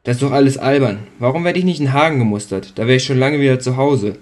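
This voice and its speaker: A man's voice: medium pitch, fast, a little mellow, lightly acted. A man voicing a young, reluctant recruit who mutters wry inner thoughts. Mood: annoyed.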